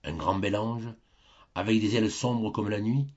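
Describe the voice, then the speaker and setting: Un homme qui lit un conte classique en livre audio, de façon théâtrale et expressive. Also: male voice, lowish voice, normal speed, highs cut off. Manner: theatrical, varied intonation. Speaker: audiobook narrator. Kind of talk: expressive storytelling reading.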